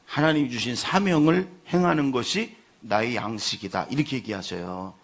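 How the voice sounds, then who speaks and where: Man, pastor, gravelly, husky, sermon, soft-to-loud storytelling. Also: medium pitch, moderate pace.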